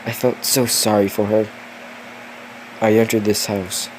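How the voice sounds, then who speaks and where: A man's voice: on the low side, flat delivery, a little slow, a little hiss or hum, rough recording. A tired young man reading a spooky story aloud, yawning, with chatty asides and the odd curse. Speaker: story reader.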